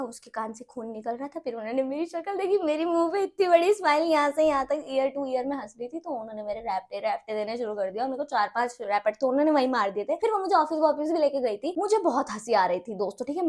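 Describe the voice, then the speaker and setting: A young woman telling a storytime vlog casually, animated and often laughing as she acts out quotes. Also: high-pitched. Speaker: vlogger.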